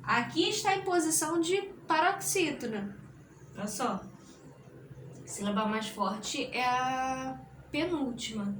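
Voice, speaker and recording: A woman teacher talks through a grammar lesson at a slow, careful pace in a slightly high voice. She spells words out syllable by syllable. The recording is roomy and echoey, with her voice set back from the mic over a faint hiss. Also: lively intonation, a bit bright, recorded from a distance. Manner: deliberate, splits words into syllables. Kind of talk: explaining a grammar lesson at a board.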